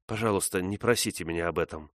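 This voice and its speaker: A man voicing a young woman, soft and restrained, in a read-aloud story. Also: deep voice, quick pace, no echo, clean studio sound, natural voice. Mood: sorrowful. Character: young woman, tearful and resolute.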